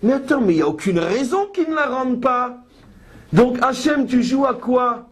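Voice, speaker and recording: A woman with a husky, breathy voice leads a Torah study lesson. She reads each Hebrew verse and then explains it. Her commentary is pointed and ironic. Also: sits high, animated, normal speed. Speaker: Bible teacher.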